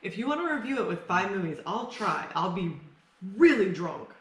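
A woman's voice: mid-range voice, very animated, moderate pace. A tipsy woman in her thirties chatting casually and swearing freely as she co-hosts a film review, gushing and repeating herself for emphasis. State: tipsy, a little drunk. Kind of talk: casual, sweary couple chat about films. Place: open living and dining room at home. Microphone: camera mic a little way off on the table. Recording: roomy, distant mic, some background noise.

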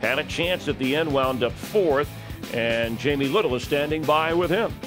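A man anchors a televised race broadcast with steady commentary. His voice sits a bit high, and music plays clearly underneath. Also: moderate pace. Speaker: play-by-play announcer.

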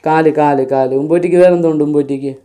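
A man's voice: fairly high pitch, fairly even intonation, fast talker, warm tone. Coaxing man in sing-song baby talk. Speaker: vlogger playing with a toddler.

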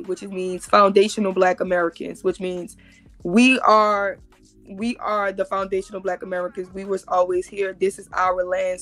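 This guest, a woman in her thirties with a mid-range voice, is on a video call into a live stream. She explains emphatically and repeats herself often.

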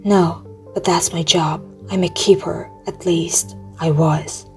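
A woman voicing a young male satyr who is anxious and guilty, speaking softly and sniffling apologetically. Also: on the low side, steady tone, slow, soft background music. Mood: hushed.

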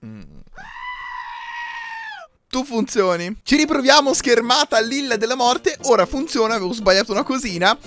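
A man giving playful, hyper gaming commentary, with sudden shouts and sing-song bits. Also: very high-pitched. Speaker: Minecraft YouTuber.

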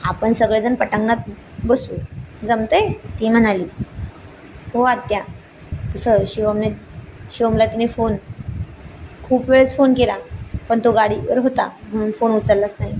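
A woman's voice: on the high side, steady tone, a little slow, long pauses, noisy background. A woman narrating a romantic family story and voicing the dialogue lines with small shifts.

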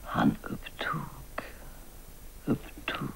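An actress in her sixties playing a guilt-ridden older woman writer who makes a hushed, halting, often whispered confession in a TV drama. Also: close to an everyday voice. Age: 60s. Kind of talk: 1990s Swedish TV drama acting.

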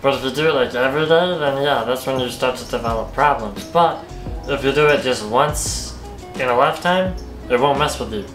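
A woman's voice: a bass voice, brisk. A woman vlogging about her pet, chatting in a playful, teasing way. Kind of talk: casual chat to camera. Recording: echoey room, faint music.

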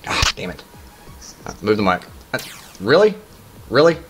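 A man in his thirties giving casual, halting commentary as host of a gaming challenge video, with exclamations and muttered asides. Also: on the low side, sing-song, a bit bright. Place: small room indoors. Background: music.

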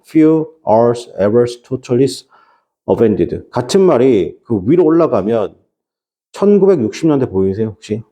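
Guy lecturing a class on english reading, keeps going "what happens next?", warm low-key voice. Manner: repeats rhetorical questions to students. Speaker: high school English teacher.

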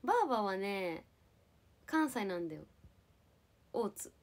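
Lively young woman chatting on stream. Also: mid-range voice, unhurried. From Japan. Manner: playful, giggly, answers viewer comments. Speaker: live streamer. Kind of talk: casual livestream chat reading comments.

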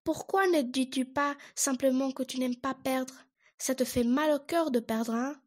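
A woman voicing a boastful little boy beaver who gloats loudly. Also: sits high, unhurried. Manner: gloating, loud and bouncy.

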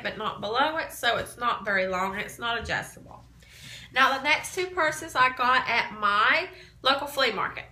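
A woman's voice: a little high, bright, forceful tone. A woman in her thirties with a cold, chatting casually through a handbag haul at home and recorded on a phone held at arm's length. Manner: chatty, detailed, upbeat. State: has a cold, coughing. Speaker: vlogger. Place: small room at home, indoors. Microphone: phone camera at arm's length. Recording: echoey home room.

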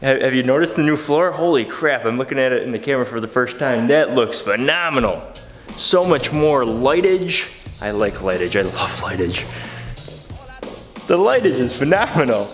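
Soft music plays behind a young man in his twenties as he vlogs from his garage workshop into a handheld camera held close and moving. His medium-pitched voice has lively intonation and a moderate pace. The energetic vlog is upbeat and jokey, with some motivation mixed in.

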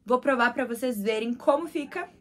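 A woman's voice: on the high side, normal speed, fairly bright tone. A young Brazilian woman, shivering from the cold, gushing over clothes in a casual haul vlog and repeating words for emphasis. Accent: Brazilian Portuguese. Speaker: fashion vlogger.

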